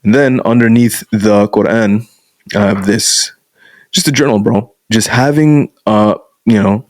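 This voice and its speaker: Speaking a little slowly in a lowish, darkish voice, this young man raised in Canada is a podcast guest coach. He's frank, blunt, and casual, often addressing the listener as "bro." There's no room sound.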